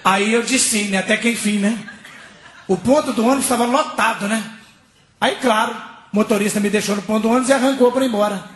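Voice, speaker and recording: A man's voice: high voice, brisk. A man telling a long funny story on stage, chatty and laughing through his lines. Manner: chatty, laughing through lines, mimics shouting bus riders. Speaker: stand-up comedian. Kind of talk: storytelling stand-up. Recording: echoey stage with faint noise.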